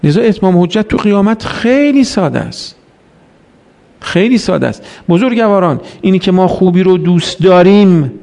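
Gravelly-voiced preacher giving a sermon. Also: male voice, sits high, lively intonation, warm tone. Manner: exhorting, rhetorical questions, quotes Arabic verses. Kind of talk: religious sermon.

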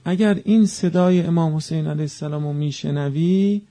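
A man preaching a mourning sermon, moving between quiet narration and chanted, wailing cries. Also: a little high.

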